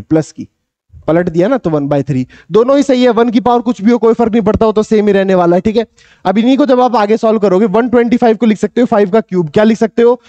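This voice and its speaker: A young man teaching a maths lesson in an energetic, coaxing tutoring style, repeating questions back to his students and calling himself their big brother. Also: high voice, no room sound. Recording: dull, slightly lo-fi dry recording.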